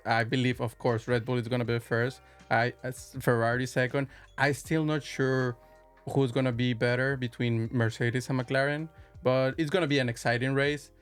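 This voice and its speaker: A man's voice: medium pitch, clear, resonant tone. A man co-hosting a podcast in casual chat, hesitant and stammering, with slightly non-native phrasing. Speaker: podcast co-host.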